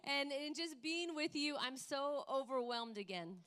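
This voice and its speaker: A woman missionary in her forties preaches in a church, her voice sitting high. She is emotional, laughs often and stumbles into restarts, then builds into fervent declarations. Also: expressive, slow, a bit bright. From United States. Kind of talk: sermon with live interpreter.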